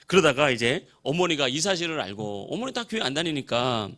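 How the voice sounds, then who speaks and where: A man's voice: fairly high pitch, fairly quick. A male pastor telling a story in a sermon, acting out the people in it. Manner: animated, acts out the people in his story.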